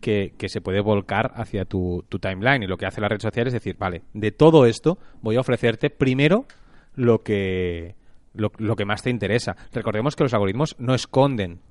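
A man's voice: fairly low pitch, normal speed, no room sound. A man chatting casually as the co-host of a podcast.

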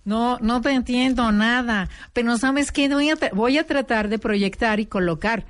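A woman, a voice specialist guest, explaining carefully on a radio show. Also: on the high side. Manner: measured, explains with demonstrations. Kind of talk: explanatory radio interview talk.

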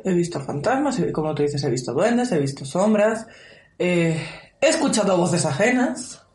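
A woman's voice: on the low side, normal speed. Chatty woman in an echoey room. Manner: lively storyteller, laughs often. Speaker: guest. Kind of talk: casual interview chat.

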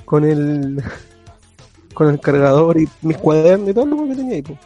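Young Chilean man for a loose storytelling chat; mellow, husky tone, lots of slang and laughter. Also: fairly high pitch, moderate pace, lo-fi sound, soft background music. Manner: slangy, animated, laughs often while telling.

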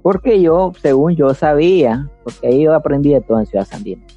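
Young Nicaraguan man, mellow voice, lively storyteller, faint music behind. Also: fairly high pitch, fairly quick, dull audio. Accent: Nicaraguan Spanish. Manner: animated, acts out voices in his story. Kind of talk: casual storytelling.

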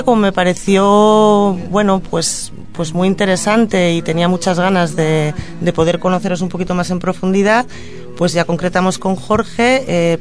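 A woman from Madrid speaks as a guest in a radio studio, earnest and reflective. She pauses often to gather her thoughts, with soft music faint behind her. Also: lowish voice. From Madrid, Spain. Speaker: guest, social educator and puppeteer. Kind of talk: radio interview, answering questions.

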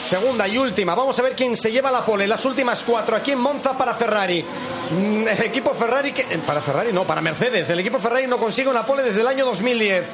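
A man with an accent from Spain giving live motorsport commentary, excitable and emphatic, repeating key figures. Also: extremely high pitch, quick pace, crowd noise. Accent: Spanish, from Spain. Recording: loud engine and trackside noise.

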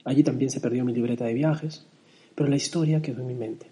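A man's voice: mid-range voice, fairly even intonation, fast talker, mellow. A middle-aged man telling a nostalgic personal travel story, with a recited poem. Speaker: narrator.

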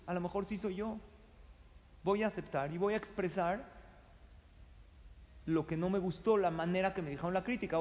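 Mexican man giving advice in a reverberant hall. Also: on the high side. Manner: lively, acts out quoted exchanges. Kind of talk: conversational advice talk.

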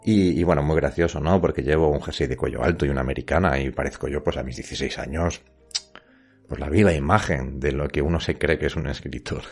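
A man's voice: rumbling low, fast, faint music behind. A middle-aged man with an accent from Spain hosting a literary podcast, speaking directly to the listener in a conversational storytelling way. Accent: Spanish from Spain. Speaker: podcast host.

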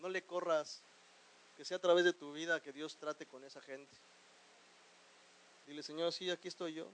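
A pastor with a high voice delivers a sermon in a lively, animated way. He keeps asking his listeners questions and tells them to repeat phrases after him, and he swings between quiet lines and sudden loud bursts. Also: moderate pace, slight background noise, rough recording.

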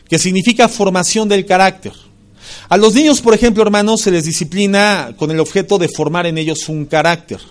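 A male pastor with a Mexican Spanish accent, preaching a sermon emphatically, rising to loud stresses and dropping to low asides. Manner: spells out Greek word roots slowly.

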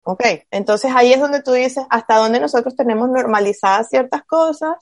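A woman in casual podcast chat, animated and confiding, with quick asides. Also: sits high, no echo, studio quality.

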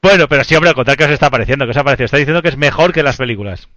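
A man hosting a casual panel chat, animated, stammering and repeating words as he steers the talk. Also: medium pitch, very fast, no room sound. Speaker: podcast host.

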